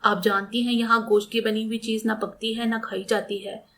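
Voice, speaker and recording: A woman voicing a respectful young male helper in an audiobook, polite and soft-spoken. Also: on the high side, flat delivery, lightly acted.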